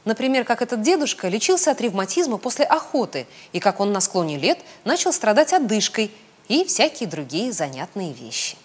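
Storybook narrator: woman with a slightly husky voice and a lively, swooping delivery. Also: mid-range voice, a little fast. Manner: expressive, sing-song storytelling. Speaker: storybook reader. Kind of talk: children's audiobook narration.

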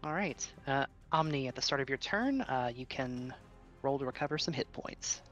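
A game master narrating a tabletop game in an unhurried way, with many filler uhs. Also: mid-range voice, expressive, fairly bright tone, dull audio, faint music behind.

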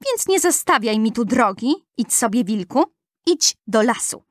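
A cheerful little girl from a rhyming fairy tale, as a woman narrator puts her on. She talks in a lifted, sing-song way, pitched above an ordinary grown woman. The lines come slowly and carefully, in a dry, close sound. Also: very animated, no echo. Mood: firm.

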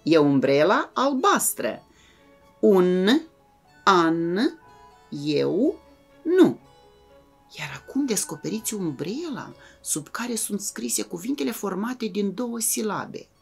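A woman with a Moldovan Romanian accent, teaching a lesson to young children in a lively, encouraging and clear way. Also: medium pitch, few pauses, faint music behind. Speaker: primary school teacher.

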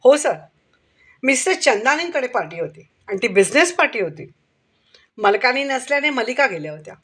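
A woman's voice: fairly high pitch, sing-song, normal speed, fairly bright tone, slightly rough, heavily acted. A woman voicing a respectful male police constable reporting to his superior in a storybook reading. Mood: dutiful.

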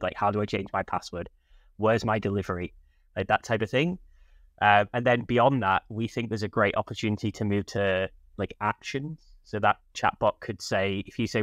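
A man in his thirties, a product leader at a tech company, is a guest on a podcast, joining by video call with headphones from a small furnished room at home. His voice sits on the low side and is a bit bright on a dry recording, and he answers questions enthusiastically, explaining things conversationally.

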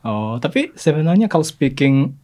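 A man in his twenties from Tokyo, a native Japanese speaker, chatting casually as a podcast guest in a foreigner's halting Indonesian with a Japanese accent. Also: on the high side, big pitch swings, a little mellow. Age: 20s. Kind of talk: casual chat. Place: indoor wood-panelled podcast studio. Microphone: close desk-mounted broadcast microphone.

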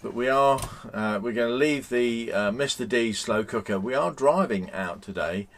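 A man's voice: mid-range voice, normal speed, a bit bright. A man in his fifties chatting casually to camera from inside a motorhome, rambling with frequent ums and restarts. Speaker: vlogger. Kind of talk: casual vlog chat.

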